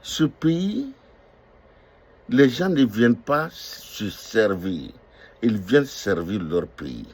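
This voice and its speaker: A man's voice: mid-range voice, sing-song, slow pace, darkish tone, slightly rough. An older man who owns restaurants, giving an impassioned political monologue full of emphatic, repeated declarations and hesitant fillers. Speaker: restaurant owner speaking out on politics.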